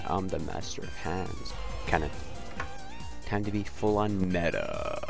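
Man doing very animated gameplay commentary. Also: low voice, a little slow, vocal fry, over music. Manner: silly, repeats catchphrases, swears. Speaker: gaming video host.

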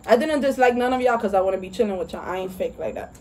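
A woman's voice: medium pitch, animated, racing, a little mellow. A young woman hosting her channel, chatting in a slangy, laid-back way while eating with friends. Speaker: channel host. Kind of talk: casual mukbang chat.

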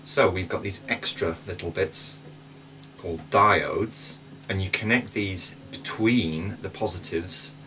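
A man in his thirties with a very deep voice talks through technical kit in a relaxed, practical way. He sits in a boat cabin, recorded from across the table by a wide camera. The sound is distant, with a clear layer of background noise. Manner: relaxed, practical, explains step by step. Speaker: sailing vlog host. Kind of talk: casual explainer. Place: inside a sailboat cabin.

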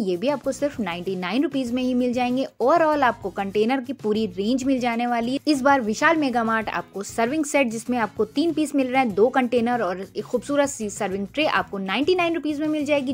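A woman vlogger walking through a large store, briskly listing prices in an upbeat sales-pitch manner. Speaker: shopping vlogger. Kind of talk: store walkthrough narration.

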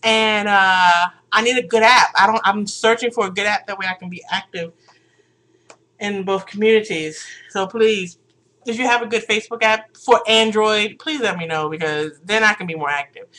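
A woman's voice: medium pitch, normal speed, sharp tone. A woman vlogging casually, chatty and sassy, rambling and laughing often. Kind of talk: casual unscripted vlog.

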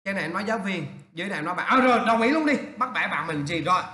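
A male English teacher correcting students' writing aloud, animated and teasing as he points out errors. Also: sits high, very fast, roomy sound.

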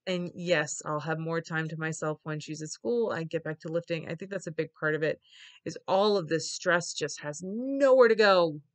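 A woman's voice: sits low, moderate pace. A middle-aged woman speaking casually and candidly to camera, weary and reflective. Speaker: vlogger. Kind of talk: casual confessional vlog talk. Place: small wood-paneled room indoors.

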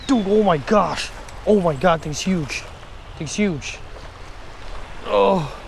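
This fishing vlogger speaks in a high, creaky, expressive voice, going slowly as he chats to camera at a shallow riverside. His excited talk is slangy and full of exclamations. The action-camera recording is made outdoors and carries background noise.

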